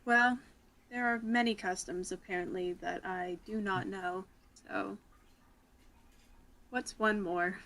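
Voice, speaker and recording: A woman voicing a courteous adventurer in a tabletop game, speaking in a measured, formal way. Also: medium pitch, steady tone, bright, forceful tone. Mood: polite.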